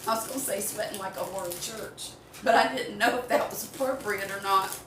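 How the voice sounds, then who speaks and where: This older Southern US woman talks fairly quickly in a mid-range voice, chatting in a folksy, rambling manner while showing how she cooks at home. The setting is a home kitchen, and the audio is roomy, distant, and has background noise.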